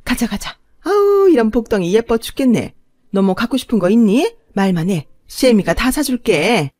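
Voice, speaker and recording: A high, shrill older mother-in-law, quick to explode and just as quick to fuss, voiced by a woman. Her voice rides loud and sharp. The recording is close and dry. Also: big pitch swings, no echo. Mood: gushing. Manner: shrill, shouting, gushing.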